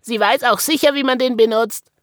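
A man voicing a hasty, excitable male toy hare in a children's story, with an Austrian accent and eager exclamations. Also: very high voice, moderate pace, no echo, clean studio sound, voice pushed up. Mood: excited.

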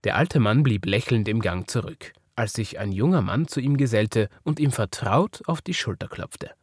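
A man with an Austrian accent narrating a children's story in a lively storytelling manner. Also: lowish voice, moderate pace, slightly rough, no room sound, studio quality. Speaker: podcast storyteller.

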